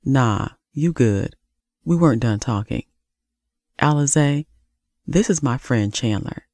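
A man's voice: medium pitch, expressive, slow, vocal fry, a little mellow, no room sound. A narrator voicing a drunk, dismissive young man who drawls in slangy, defiant speech in an audiobook. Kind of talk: audiobook character voice.

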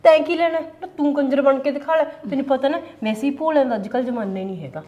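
A woman's voice: sits high, rapid-fire, dark tone, dull audio, natural voice. A woman playing a scheming elder daughter-in-law. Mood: bickering. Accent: Malwai Punjabi. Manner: quarrelsome, mocking.

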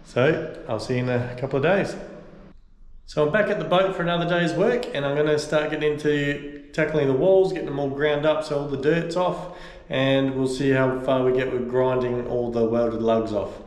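This man in his thirties restores boats and vlogs about it, giving a casual, plain-spoken walk-through of his repairs while thinking aloud. His mid-range, darkish voice is steady at normal speed, and the bare steel hull around him echoes, with background noise present.

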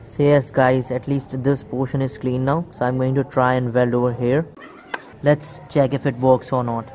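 A man's voice: medium pitch, little pitch movement, moderate pace, a little mellow, slight background noise. A man giving a hands-on product demonstration outdoors, talking viewers through each step and calling them "guys". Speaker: electronics video host. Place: outdoor table beside plants.

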